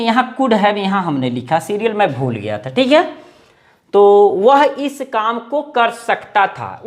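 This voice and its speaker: A man in his forties gives an English grammar lesson in Hindi, with a voice that sits high. He repeats phrases and draws English words out slowly.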